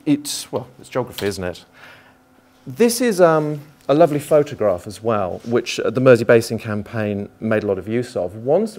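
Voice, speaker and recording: A man's voice: lowish voice, a little mellow. Middle-aged man giving a lecture. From Liverpool, England. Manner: conversational, thinking aloud with restarts. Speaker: geography lecturer. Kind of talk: conference talk to teachers. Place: lecture theatre.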